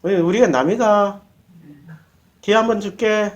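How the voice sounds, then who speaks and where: A man playing a menacing teen bully, slow and taunting. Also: high-pitched, lo-fi sound. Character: bossy male high-school bully.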